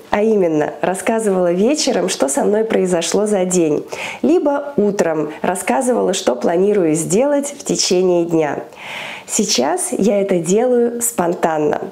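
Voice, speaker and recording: Speaking to camera in a small room through a lapel mic, a thirtysomething woman who teaches Chinese and founded a school presents an upbeat, scripted video lesson. Her voice is mid-range and dark-toned, her delivery clear and list-like, and she gestures with her hands.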